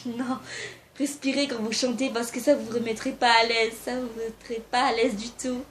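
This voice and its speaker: Young woman chatting to camera bout singing, kinda high voice, rambly and informal, soft hiss behind. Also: level tone, moderate pace. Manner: chatty, informal, hesitant with fillers, demonstrates singing. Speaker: amateur singing tips vlogger. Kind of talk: casual spoken tips to camera.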